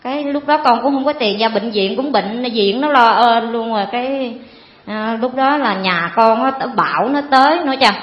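A woman, giving a rambling, earnest personal testimony to a priest. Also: a little high. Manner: rambling, earnest, fills pauses with "cái" and calls the priest "cha". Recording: echoey, dull hall sound.

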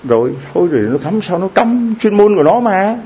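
Warm-voiced priest preaching. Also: male voice, high voice, sing-song, brisk, husky. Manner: conversational preaching with frequent rhetorical questions to the congregation. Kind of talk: sermon. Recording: slightly dull lo-fi recording with faint background noise.

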